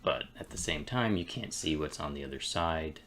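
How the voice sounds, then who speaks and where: A man streaming game development, thinking aloud in a relaxed, musing way as he works at his computer. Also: extremely low pitch, slight background noise. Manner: relaxed, musing, talks to himself between pauses. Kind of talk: casual thinking-aloud commentary while working.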